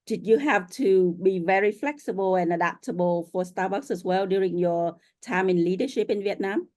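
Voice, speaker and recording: A woman's voice: mid-range voice, moderate pace, a little mellow. A woman hosting an interview show, welcoming her guest and asking questions with frequent "um"s and "uh"s. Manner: friendly, many fillers. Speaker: host.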